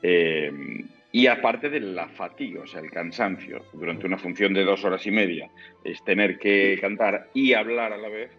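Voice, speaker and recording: In this interview, a Spanish baritone who sings opera and zarzuela talks in a low voice as the guest. His manner is reflective and explanatory, with pauses while he hunts for words. Faint music sits behind the dull, lo-fi audio.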